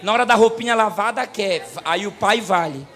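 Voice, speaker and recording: A man preaching a sermon as a pastor, telling stories and swinging from soft talk to loud preaching. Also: high-pitched, moderate pace, some chatter behind. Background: music.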